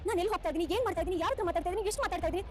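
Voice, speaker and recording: A woman's voice: very high-pitched, racing, darkish tone. A young actress in a TV serial playing a heartbroken college girl in love, tearful and pleading. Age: young adult. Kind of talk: TV serial acting. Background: background music score.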